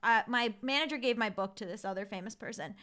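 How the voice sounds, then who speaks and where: Bright, high-voiced woman telling stories. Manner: animated, quick-shifting, swears freely. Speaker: podcast guest. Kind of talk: casual storytelling chat.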